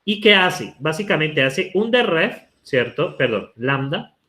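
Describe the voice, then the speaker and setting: A man's voice: on the high side, sing-song, measured pace, sharp tone. A male university lecturer from Colombia with a Colombian Spanish accent, explaining code live and checking in with students by asking "right?" again and again. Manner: talks while typing code, asks rhetorical "¿cierto?" often. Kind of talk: live online coding lecture.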